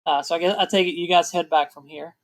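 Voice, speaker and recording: A woman's voice: fairly low pitch, steady tone, quick pace. A woman narrating as game master in a casual, chatty way, laughing often and restarting her sentences now and then.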